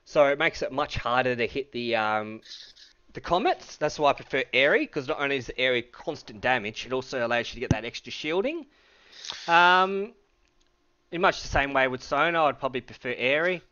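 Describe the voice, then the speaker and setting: A man's voice: mid-range voice, animated, fairly quick, pushed and bright, clear, resonant tone, dull audio. A man co-commentating a game, thoughtful and analytical, hedging his reads. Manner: thoughtful, analytical, hedges with "I reckon". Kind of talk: casual co-commentary.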